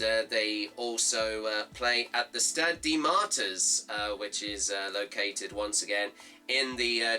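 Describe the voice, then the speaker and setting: Pitched fairly low, this slightly hoarse man sounds bright and forceful as he hosts a fan football show. He reads out results and previews a match haltingly, relying on his notes and peppering his delivery with fillers.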